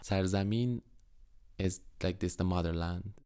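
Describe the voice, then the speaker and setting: A man's voice: low-pitched, measured pace, warm tone, smooth. A man, speaking hesitant English as he tells his life story, with fillers and restarts. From Iran. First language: Farsi. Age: 30s. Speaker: interviewee, musician. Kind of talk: personal storytelling.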